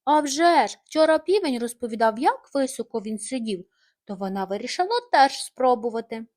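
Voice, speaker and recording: An excited little boy calf from a bedtime story, played by a woman. He sounds urgent and breathless, pitched high with lively jumps. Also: moderate pace, close to an everyday voice.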